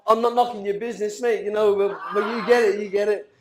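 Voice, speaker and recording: A man's voice: high voice, steady tone, quick pace, reverberant, background noise. A man in his thirties giving a rambling, emotional best man speech after a few drinks. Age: 30s. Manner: rambling, emotional, laughing between lines. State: tipsy. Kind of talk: wedding speech. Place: wedding reception hall.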